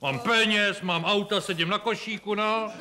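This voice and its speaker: A man's voice: high voice, steady tone, heavy background noise. A man in a televised cabaret sketch playing a vain, fussy singer who complains and exclaims a lot. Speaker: comic actor in a sketch.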